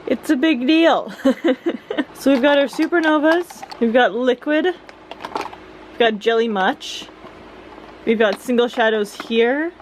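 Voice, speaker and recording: Higher-pitched casual woman vlogger, noisy fan behind. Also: takes it slowly, pauses often. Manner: informal, slangy, playful. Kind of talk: casual beauty declutter chat. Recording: steady fan noise behind voice. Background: fan running.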